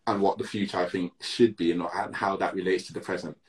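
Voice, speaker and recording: A man's voice: sits low, fairly even intonation, fast talker. A man from Britain with Barbadian roots, speaking in a reflective interview over a video call, with frequent restarts and "you know" fillers. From Britain, Barbadian heritage. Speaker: interview guest, musician. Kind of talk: reflective conversation. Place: indoor room at home.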